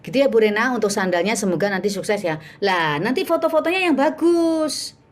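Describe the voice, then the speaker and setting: A woman's voice: mid-range voice, a little fast. Woman giving an online public speaking class, voice jumps all over, acts out customers. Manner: animated, acts out sales dialogues. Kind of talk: online workshop lecture. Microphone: video call.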